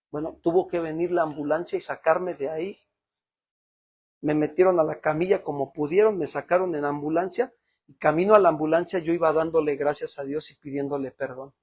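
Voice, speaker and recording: A man's voice: a little high, steady tone, a little fast, slightly rough. A man with a Mexican Spanish accent preaching a sermon as pastor, telling a personal story that rises to emotional peaks.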